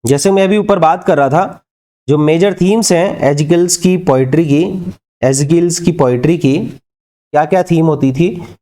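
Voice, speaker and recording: A man delivers an exam-prep literature lecture, mixing Hindi with English, asking and answering his own questions and dictating English lines slowly. His voice is a little high and warm.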